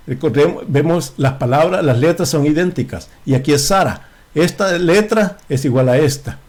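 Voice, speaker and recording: A man's voice: on the high side, a little mellow. Emphatic man teaching a Bible study. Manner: repeats words, many restarts and fillers. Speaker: lay preacher.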